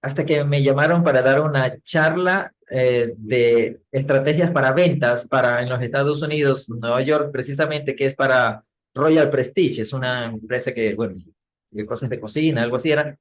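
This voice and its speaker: A middle-aged man, a public speaking coach, telling his story as a podcast guest in an animated way, acting out what he said back then. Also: medium pitch, moderate pace. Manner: animated, acts out his own past words.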